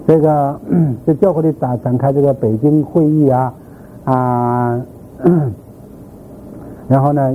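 Man lecturing over a tinny line. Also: mid-range voice. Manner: rambling, repeats words, frequent filler particles, asks listeners questions. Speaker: lecturer on church history. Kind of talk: informal lecture to a class. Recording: tinny phone-like sound, faint background noise.

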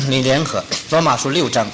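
A man's voice: mid-range voice, normal speed, slight background noise, poor audio. A man preaching a sermon, repeating phrases for emphasis and telling stories with animation. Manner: animated storyteller. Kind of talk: sermon with storytelling.

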